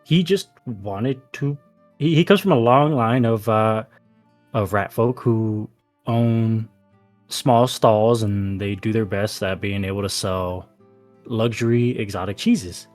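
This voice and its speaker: A man playing a tabletop game, describing his character's backstory in a relaxed, rambling way. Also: lowish voice, slow pace, faint music behind. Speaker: player.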